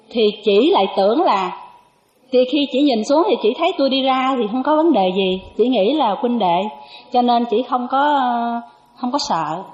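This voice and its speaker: A woman, a Buddhist nun, giving a dharma talk to an audience. She tells a personal story with lively, animated delivery and acts out the dialogue. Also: fairly high pitch. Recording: echoey, dull lo-fi recording.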